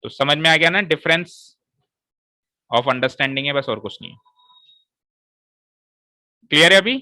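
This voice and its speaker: Male maths teacher, bright forceful voice, walks students through each step, dry close recording. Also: a little high, animated, slow pace, no echo, rough recording. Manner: explains step by step and checks with students. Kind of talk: classroom maths lesson.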